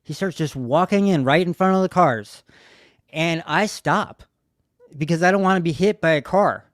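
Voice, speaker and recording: A man's voice: a little high, moderate pace, no room sound, clean studio sound. A man hosting a livestream, telling a long story in a rambling way with many fillers and restarts. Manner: rambling, many fillers and restarts, grows loud when reliving the shouting. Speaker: livestream host. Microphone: streaming studio mic.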